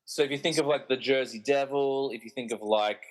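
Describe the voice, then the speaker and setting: Recorded with poor audio, a man speaks at medium pitch and a fairly quick pace. He's narrating a comic podcast radio play from a script and hosting its quiz in a tongue-in-cheek, chatty manner.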